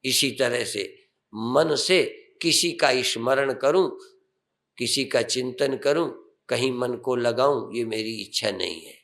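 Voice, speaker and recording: An older swami guides listeners through meditation in an unhurried, calm voice. His delivery is slow, and a gravelly fry runs through his tone. He lifts certain phrases for emphasis. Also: mid-range voice.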